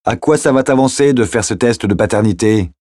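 A man voicing a fierce, protective young woman friend who pleads and shouts sharply. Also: sits low, lively intonation, normal speed, breathy edge, no room sound, clean studio sound. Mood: urgent, shouting.

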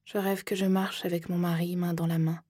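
A woman narrating an audiobook in the first person, soft and measured, often slipping into whispers. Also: lowish voice, little pitch movement, no room sound.

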